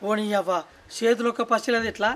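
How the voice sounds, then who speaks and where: A young man with a Telangana accent acting in a village comedy sketch, loud, exasperated and bossy. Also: very high voice, level tone, quick pace. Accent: Telangana Telugu. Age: young adult. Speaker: comic lead, newly married husband.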